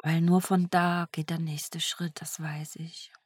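A woman speaking softly in an introspective self-dialogue, searching for words and often sinking into a whisper. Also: sits low, level tone, slow, husky, dry recording, studio quality. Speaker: energy healer.

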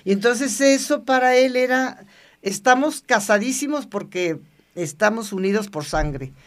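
Older woman, interview guest, lively anecdotes, laughs as she talks, acts out dialogue. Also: on the high side, a little slow. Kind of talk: casual storytelling interview.

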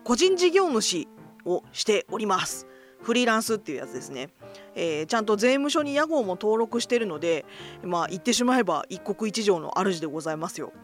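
A middle-aged woman hosting a casual solo radio-style talk, self-deprecating and joking, mixing polite forms with slang. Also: medium pitch. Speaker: host of a solo voice blog.

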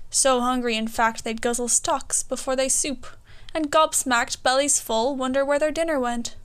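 A woman's voice: a little high, fairly bright tone, clean tone. A nineteen-year-old woman with a west of Ireland accent, a poet reciting her work and talking about it. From Galway, Ireland. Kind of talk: poetry recitation and personal introduction.

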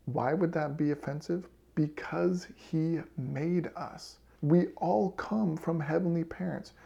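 A man with a gravelly, slightly creaky voice teaches a scripture lesson in an earnest, reflective way. His tone is mellow and dark, and he pauses now and then to read passages aloud. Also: fairly high pitch, highs cut off. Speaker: scripture study podcast host.

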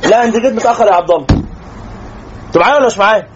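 Fast, high-voiced Egyptian preacher. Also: male voice, dull audio, background noise. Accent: Egyptian Arabic. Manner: joking, teasing the audience, animated storytelling. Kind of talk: sermon to young people.

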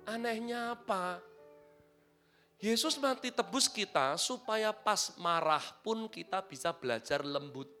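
A man preaching a sermon, his voice high and bright. He swings from soft, quiet asides into loud, emphatic bursts. Faint music plays behind him. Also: animated, a little slow. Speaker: pastor.

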